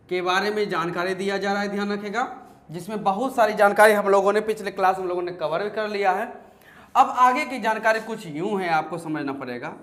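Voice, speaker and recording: A man's voice: sits high, a bit bright, echoey room. A man teaching an English grammar lesson, explaining step by step, repeating key words and asking the class questions.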